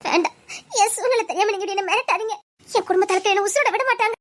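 A woman doing a very high, fearful young woman. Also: rapid-fire. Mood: anxious. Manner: anxious, torn, pleading. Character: frightened young college woman from a strict family. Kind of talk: Tamil audio drama acting.

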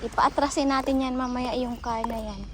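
A woman's voice: sits high, fairly even intonation, moderate pace. A woman vlogging outdoors by the sea, chatty and playful. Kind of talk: casual outdoor vlog. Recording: loud waves and outdoor noise. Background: sea waves.

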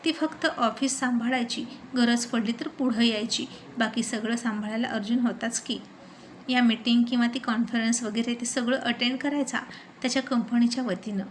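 Woman telling a story, fairly high voice. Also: steady tone, normal speed, a little hiss or hum. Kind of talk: storytelling narration.

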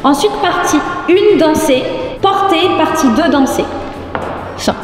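A woman's voice: high-pitched, lively intonation, unhurried, far from the mic, music in the background. A young woman walks through choreography as a dance coach in an echoey, noisy studio. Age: young adult. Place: large indoor dance studio.

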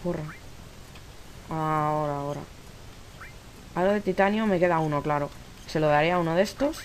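A man's voice: high voice, fast talker, a little hiss or hum, rough recording. A man with a Spanish accent from Spain giving casual gameplay commentary, rambling, talking to himself and swearing now and then. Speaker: let's play gamer.

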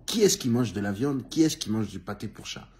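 Lively low-voiced man teasing players. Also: fairly quick. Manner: animated and teasing, talks straight to players and fans with frequent exclamations. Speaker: comedian giving a sports debrief. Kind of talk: comic sports commentary to camera.

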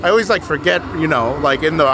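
A man's voice: fairly high pitch, expressive, fast talker, background noise. A man chatting casually outdoors as a guest in a vlog. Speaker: vlog guest, haunt regular. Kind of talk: casual chat. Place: outdoors at a haunted attraction. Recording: outdoor music and crowd behind voice.

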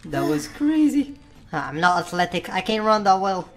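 A woman voicing Bluey, an excitable young girl puppy, narrating a game with shrieks and silly boasting. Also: mid-range voice, normal speed, creaky. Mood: excitable scared. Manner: jumpy, shrieks when scared, silly boasting. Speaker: gamer narrating play. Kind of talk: voiced Roblox let's-play. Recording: game music underneath.

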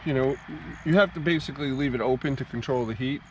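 Talking casually about his motorbike, this man stumbles through plenty of ums and false starts in a how-to style. Eventually he's riding on the highway, speaking into a helmet mic in a full-face helmet that captures muffled speech and loud wind and road noise.

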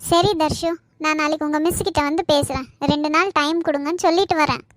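A woman's voice: high voice, fairly even intonation, fast, dry recording, natural voice. A woman voicing a patient grandmother in a cartoon, coaxing and soothing.

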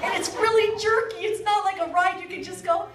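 A woman guest speaker telling a story to an audience in a hall, animated and jumping into high quoted voices. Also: fairly quick, background noise. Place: event hall. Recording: echoey room, distant mic, crowd.

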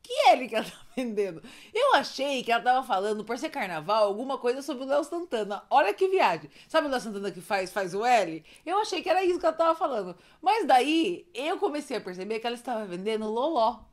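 A woman's voice: fairly high pitch, very animated, quick pace, hardly any pauses. A woman casually recapping funny moments, chatty, with asides to viewers and frequent fits of giggles. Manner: giggly, often breaks into laughter. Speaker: storyteller recapping roleplay streams.

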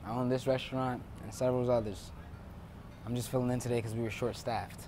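A man's voice: medium pitch, a little fast, background noise, natural voice. A man acting as a polite, easygoing waiter who turns out to own the restaurant, over background music. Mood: kind. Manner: polite, patient, relaxed. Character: friendly easygoing male waiter, secretly the owner. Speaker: actor in a web skit. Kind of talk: scripted skit acting.

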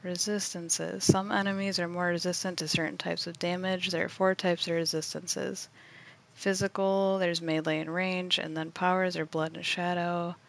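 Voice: mid-range voice, little pitch movement, normal speed, vocal fry, fairly bright tone. A streamer giving casual live gameplay commentary, laid-back and reading the tutorial text aloud.

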